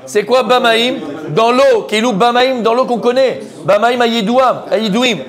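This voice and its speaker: A man's voice: extremely high pitch, steady tone, normal speed. A man teaching a Talmud class, repeating his points and quizzing his students with jokes.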